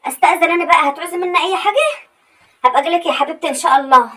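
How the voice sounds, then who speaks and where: A woman's voice: very high voice, very fast, a bit bright, rough recording. A woman playing a dutiful, patient young daughter-in-law with an Egyptian accent, answering meekly and obligingly in a comedy sketch. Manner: meek, obliging replies.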